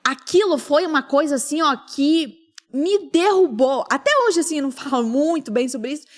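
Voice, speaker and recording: A woman's voice: high-pitched, expressive, moderate pace. A woman in her thirties hosting a podcast, telling a personal story with feeling and acting out the lines of others. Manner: emotional storytelling, acts out quoted speech. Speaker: podcast host. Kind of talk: casual podcast chat.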